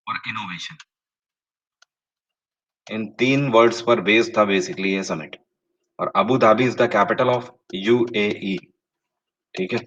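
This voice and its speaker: An online exam-prep teacher, male, hosts a live quiz, reading each question slowly in English before explaining in Hindi with rising emphasis. He speaks directly to his viewers, asking for answers and confirming them, at a middle pitch with a slightly bright tone. The recording sounds a little dull and lo-fi.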